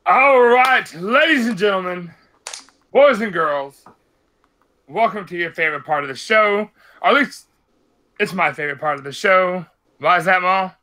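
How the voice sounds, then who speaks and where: A man in his late thirties hosting a sneaker podcast, talking loudly and swearing in loose banter. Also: sits high, normal speed, long pauses. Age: 30s. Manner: loud, profane, animated talker. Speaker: podcast host.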